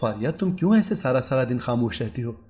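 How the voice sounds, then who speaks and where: A man voicing a young husband who worries aloud and gently coaxes his wife in a storybook tale. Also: mid-range voice, big pitch swings, brisk, close to an everyday voice. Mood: coaxing. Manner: anxious musing, soft coaxing. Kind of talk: storybook character voice.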